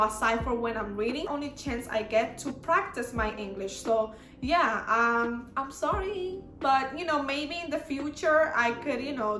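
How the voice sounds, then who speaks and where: Speaking to her camera, this young YouTuber from the Dominican Republic has a Dominican Spanish accent and leans heavily on fillers like "like" and "you know." Her slightly high, bright voice carries a forceful tone, and the sound is roomy.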